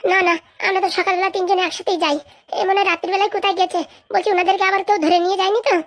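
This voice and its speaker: A woman's voice: very high-pitched, level tone, rapid-fire, a bit bright, voice pushed up. Woman doing a whiny, fretful cartoon villager. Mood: worried. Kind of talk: cartoon voice acting.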